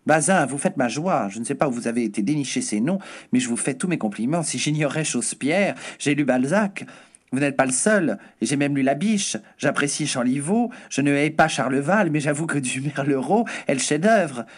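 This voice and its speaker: A haughty aristocratic duchess, sharp-tongued and mocking, as a male reader puts her on. Her voice leaps high and swoops with imperious disdain. Every word is clipped and theatrical. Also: lively intonation, moderate pace. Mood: teasing.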